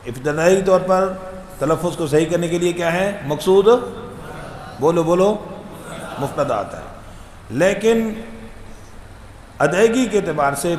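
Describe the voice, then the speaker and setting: A man teaching Quran reading, explaining in Urdu, chanting letter sounds in a slow sing-song and quizzing his listeners. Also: on the high side. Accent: Pakistani Urdu. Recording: echoey room with faint ambient noise.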